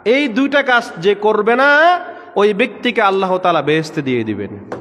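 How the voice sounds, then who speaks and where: High-voiced man preaching, asking and answering. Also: lively intonation, normal speed, a bit bright, long reverb tail. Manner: repeats each point as a question and answers it himself. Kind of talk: sermon with call-and-response questions. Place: gathering room with power trouble.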